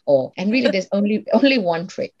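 A middle-aged woman calmly explaining advice step by step, mixing in stories from her own life. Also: medium pitch, a little fast, highs cut off. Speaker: guest expert on emotional intelligence. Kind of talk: conversational advice in an interview.

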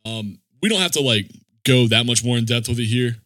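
A man hosting a casual music podcast, with a bright, forceful voice that swings widely in pitch. He talks in sweary bro slang, recorded close and dry. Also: lively intonation, a little fast, no room sound. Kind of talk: casual chat.

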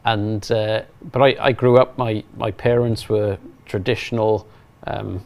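A man's voice: lowish voice, fairly even intonation, unhurried, vocal fry. A middle-aged man in a casual conversation, speaking hesitantly with many restarts. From South Wales. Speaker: chief engineer and interviewer.

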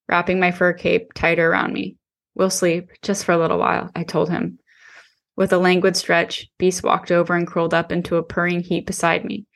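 Low, gravelly-voiced woman reading aloud. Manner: steady, measured reading with occasional restarts. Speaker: author reading her own novel. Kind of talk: first-person audiobook narration.

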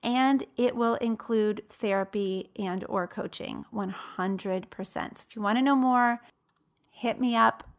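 Her fairly high voice moving a little slowly, a woman in her late thirties gives a motivational talk as coach and host. She keeps it emphatic and conversational, asking rhetorical questions.

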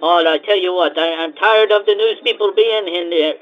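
Guy doing a high-voiced, frazzled cocoa shop owner, keeps repeating himself, dull lo-fi sound. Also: moderate pace, natural voice. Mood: pleading. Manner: exasperated, repeats himself, broken grammar. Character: flustered male cocoa-house owner, frantic, put-upon.

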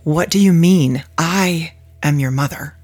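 A man's voice: fairly high pitch, measured pace, a little mellow, voice pushed up. A man voicing a smug, eerie woman who insists she is the boy's mother, speaking in a sweet, teasing, insistent way in a storybook reading. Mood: sweetly teasing.

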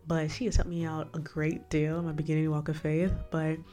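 Low-voiced woman hosting a chatty faith podcast. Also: little pitch movement, a little fast, mellow, faint music behind. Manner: chatty, rambling, asides to the listener. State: slight lisp from a new retainer. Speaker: podcast host. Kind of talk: casual faith podcast monologue.

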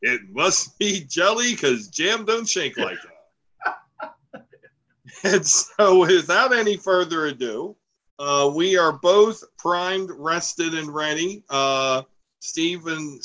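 A man hosts a casual political chat with jokes and rambling asides. His voice sits a little high and sounds bright and forward. He talks loosely and playfully. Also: rough recording. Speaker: podcast co-host. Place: home, recorded remotely.

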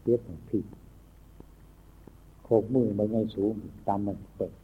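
A man speaking with an Isan Thai accent, a monk giving a rambling, folksy Dhamma talk to newly ordained monks, often pausing with thinking hums. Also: slight background noise. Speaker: Buddhist monk teaching new monks. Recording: tinny phone-like recording.

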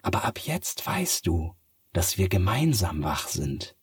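A man's voice: low voice, big pitch swings, slightly rough, no room sound, exaggerated voice. A man voicing a sly, kind talking cat from the moon in a bedtime story, purring and teasing. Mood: gentle. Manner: purring, drawn-out teasing delivery.

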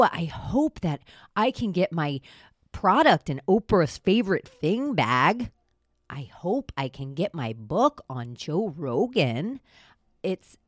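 A woman's voice: fairly low pitch, darkish tone, dry recording, studio quality. A woman delivering an opinionated, colloquial monologue in a blunt, sarcastic way, like a vlogger.

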